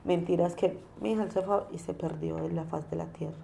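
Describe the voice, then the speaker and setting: A woman's voice: fairly low pitch, fairly even intonation, a little fast, vocal fry, warm tone, a little hiss or hum. A young woman telling her own life story in a plain, conversational way, often repeating herself. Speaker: interviewee. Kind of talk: personal testimony.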